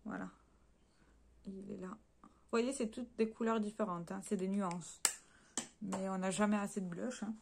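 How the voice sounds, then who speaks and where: A woman's voice: medium pitch, fairly even intonation, normal speed, gravelly, pauses often, darkish tone, slight background noise. A woman chatting casually through a beauty haul, hesitating often with fillers and correcting herself as she talks straight to her viewers. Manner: addresses viewers directly while showing swatches. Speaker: beauty vlogger.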